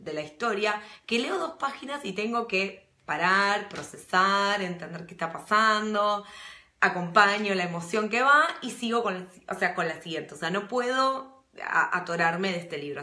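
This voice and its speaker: A woman with a Rioplatense Argentine accent chats casually with her viewers, hopping between thoughts with fillers and restarts. Her voice is bright and forward. The phone or laptop mic picks up a roomy echo around her. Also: mid-range voice. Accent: Rioplatense Argentine Spanish. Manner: chatty and rambling, full of fillers and restarts. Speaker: book vlogger. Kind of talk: casual live-stream chat.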